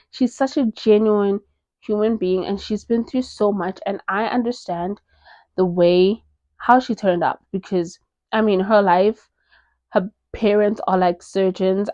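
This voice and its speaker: A woman's voice: medium pitch, dry recording, dull audio. Gushing woman reviewing romance books. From South Africa. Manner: gushing, animated, lots of fillers. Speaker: book reviewer. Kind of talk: casual book recommendation vlog.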